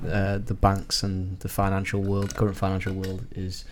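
Low-voiced opinionated man. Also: completely flat delivery, normal speed, a little hiss or hum. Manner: opinionated, trails off quietly. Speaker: podcast co-host. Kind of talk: casual chat.

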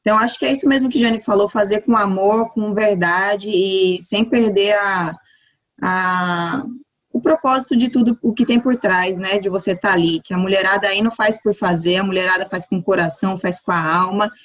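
A woman from São Paulo co-hosts a casual podcast. She talks in a relaxed, slangy, upbeat way, at a middle pitch. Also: normal speed. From São Paulo, Brazil. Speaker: podcast co-host.

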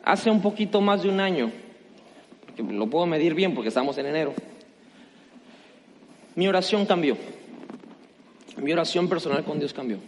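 A man's voice: fairly high pitch, lively intonation, normal speed, pauses often. Young man, pastor's sermon, sore throat, faint background noise, long hall echo. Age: young adult. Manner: shifts from loud preaching to quiet storytelling. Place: church hall.

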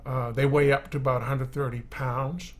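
A man with a Maine accent presenting an informal podcast in a folksy, somewhat halting way. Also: mid-range voice, little pitch movement. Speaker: podcast host. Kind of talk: informal podcast presenting with weather and nature segments.

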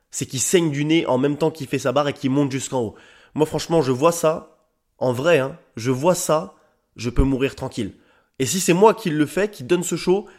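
A young man hosting his own podcast, talking casually and straight to his listeners in a slangy, excitable way. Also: a little high. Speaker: podcast host. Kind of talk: casual solo podcast talk.

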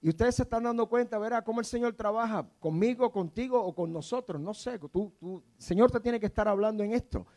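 A man in his fifties preaching a sermon as a storyteller. He often drops to a soft, hushed voice and has the congregation repeat words after him. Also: sits high, fairly quick, hardly any pauses. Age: 50s.

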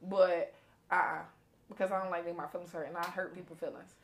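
A woman co-hosting a casual group podcast chat, blunt and profane, telling stories with animated, swearing outbursts. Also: fairly low pitch, quick pace. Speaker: podcast co-host.

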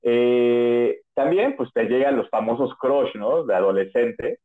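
A Mexican man tells an old personal story at an easy conversational pitch, circling back and restarting his sentences as he goes. The sound is thin and squeezed, like a phone line. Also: unhurried. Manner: chatty, rambling, full of "o sea" and restarts. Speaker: podcast host. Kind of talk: casual storytelling. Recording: narrow phone-like audio.

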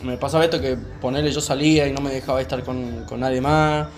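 A young man with a Rioplatense Spanish accent, calmly telling a personal story on a podcast, with many fillers. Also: medium pitch, faint music behind. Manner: calm, unhurried, many fillers. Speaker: podcast co-host. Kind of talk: casual storytelling chat.

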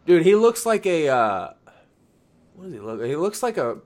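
Male podcast host, casual chatty storyteller, lively quoted voices. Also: fairly high pitch, normal speed. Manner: animated storyteller, acts out quotes; laughs often, many fillers.

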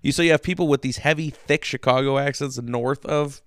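A man from Illinois co-hosting a casual history podcast, chatty and joking with quick asides. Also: mid-range voice, fairly bright tone, no echo. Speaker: podcast co-host.

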